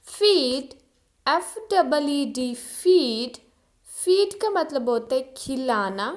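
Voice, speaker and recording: A woman's voice: sits high, expressive, very slow. A woman teaching English vocabulary, saying each word, spelling it out letter by letter and giving its meaning. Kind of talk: slow vocabulary drill.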